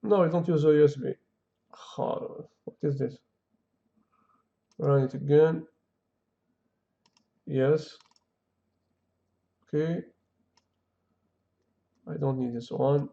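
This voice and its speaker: Teaching code in a casual screencast, a gravelly-voiced man speaks at a fairly high pitch with mostly even intonation. He hesitates through non-native English, originally speaking Kabyle or Arabic, and fills his thinking-aloud with fillers. The homemade recording is dull and lo-fi.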